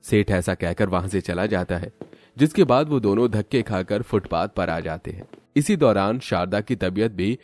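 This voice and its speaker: A man narrating a cartoon horror story in an expressive, scripted storytelling style. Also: lowish voice, normal speed, dry recording, faint music behind.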